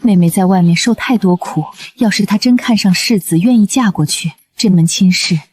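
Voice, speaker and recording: A woman's voice: medium pitch, normal speed, darkish tone, a little hiss or hum, pitched below the performer's own voice, lightly acted. Woman voicing a stern noble mother. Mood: coaxing. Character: stern aristocratic mother, middle-aged, coolly guarded.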